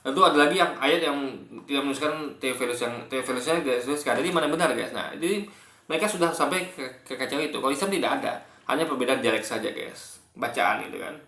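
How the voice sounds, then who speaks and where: A man's voice: fairly high pitch, fast, bright, forceful tone, roomy sound, a little hiss or hum. A man giving casual commentary on a clip, explaining with long examples and often tagging "guys" onto his sentences.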